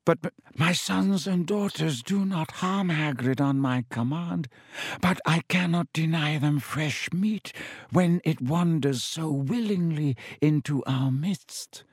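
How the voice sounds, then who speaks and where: Brief: a croaking old giant spider, grave and menacing, with an odd, higher voice, as a male narrator puts him on. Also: slow, no echo, studio quality, heavily acted.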